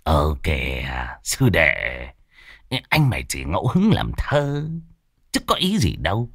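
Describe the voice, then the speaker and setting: A man voicing a tipsy old ghost-hunting master who grumbles in a low, mumbling way. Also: very animated, takes it slowly, pushed and bright, dry recording, clean studio sound, full character voice. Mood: gruff tipsy.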